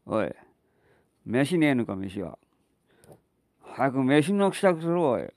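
A man voicing a drunken, violent father who bellows rough threats in a storytelling performance. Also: medium pitch, big pitch swings, slow, a little mellow, no room sound, studio quality, voice pushed down. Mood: raging.

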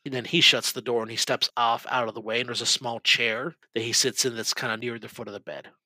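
A man narrating a tabletop game as game master, in steady, descriptive storytelling. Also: medium pitch, fairly quick, no room sound, poor audio.

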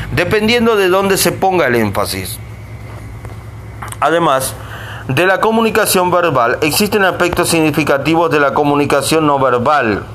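Man, slightly high voice, reads self-help text aloud, stumbles and apologizes, faint noise. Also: fairly bright tone. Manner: stumbles over words and says sorry.

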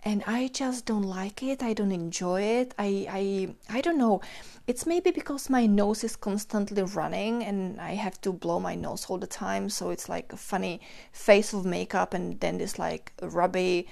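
A hoarse woman hosting a casual solo podcast, rambling and apologetic with many hesitations. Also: mid-range voice, measured pace, darkish tone. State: hoarse, has lost her voice. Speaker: podcast host.

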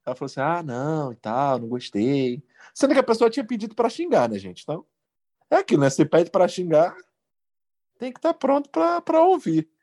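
A man's voice: very high voice, quick pace. Man, casual chatter with lots of melody, keeps checking agreement. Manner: relaxed, chatty, keeps saying "né". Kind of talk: casual chat.

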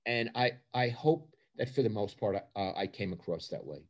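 A man's voice: on the low side, lively intonation, normal speed. Older man with a Brooklyn accent. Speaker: sports journalist. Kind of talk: interview answers.

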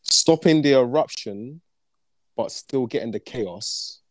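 A young man talks in a London roadman accent, loose and slangy, with tags on the ends of his phrases. He sounds like a podcast co-host in casual conversation, recorded dry at a middling pitch. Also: slow, no room sound. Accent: London, urban multicultural slang (roadman). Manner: slangy, tag questions like "innit", "you get me". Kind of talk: casual chat.

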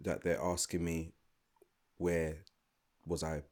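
Here a young man with a London accent talks slowly in a deep, slightly mellow voice with little pitch movement. It's a casual, thoughtful podcast conversation where he wanders into asides and keeps restarting his sentences.

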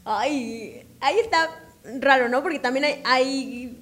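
High-voiced woman in casual chat. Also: takes it slowly, a bit bright. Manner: earnest, laughs easily. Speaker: podcast co-host.

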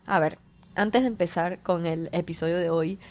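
A young woman hosting her own podcast, hoarse and stuffy-nosed from the flu, telling personal stories in a confiding, rambling way with many self-corrections. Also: lowish voice, fairly even intonation, moderate pace, darkish tone. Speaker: podcast host. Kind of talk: casual personal podcast monologue.

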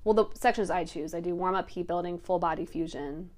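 A woman's voice: lowish voice, fairly quick. A woman hosting a fitness podcast, casually explaining a workout class format step by step and often checking in with her guest. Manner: explains step by step, often asks "you know what I mean". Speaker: podcast host and fitness instructor.

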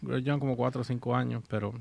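A man's voice: mid-range voice, steady tone, fast talker, gravelly, no room sound. A man hosting a casual chat, mixing in English words and reading English text aloud. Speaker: host.

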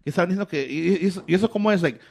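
Casual bilingual man from Guerrero with a gravelly, slightly high voice. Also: very fast. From Guerrero, Mexico. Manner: mixes Spanish and English, laughs often.

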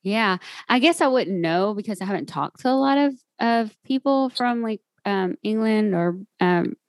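A podcast host from Kentucky, USA, this woman has a Southern US accent and an animated, mid-range voice at normal speed. She runs a casual interview in a chatty, giggly way, full of fillers, and the recording is dry.

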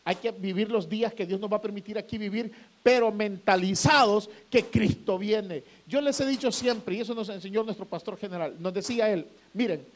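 A man, a pastor, preaching a sermon to his congregation, drawing out phrases and building to emphatic peaks. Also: high-pitched.

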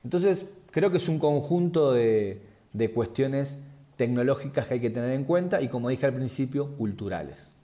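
Man, interview guest, measured explanations, warm low-key tone. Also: lively intonation. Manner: measured, explanatory, frequent fillers and restarts. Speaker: cybersecurity expert guest.

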